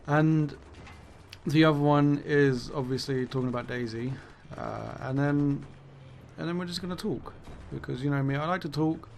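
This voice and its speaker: A man with a slightly high, creaky, somewhat mellow voice talks at a moderate pace over faint background noise. He's a gaming YouTuber in a casual commentary monologue, rambling, correcting himself, swearing and then laughing it off. His voice sounds worn and fading, as if he's losing it.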